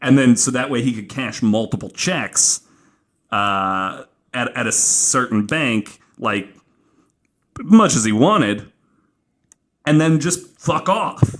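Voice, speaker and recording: Reading from his notes, a podcast host recounts a true-crime story in an informal, profane style, performing the quotes as he goes. His medium-pitched voice is animated and slightly bright, and he takes his time.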